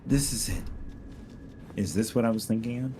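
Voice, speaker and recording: A man with a low voice chats casually while playing a co-op game, drifting into long stories packed with "like" and "um". A faint hiss sits under his voice. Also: normal speed. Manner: rambling storyteller, lots of "like" and "um". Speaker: streamer playing co-op. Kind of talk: casual gaming chat.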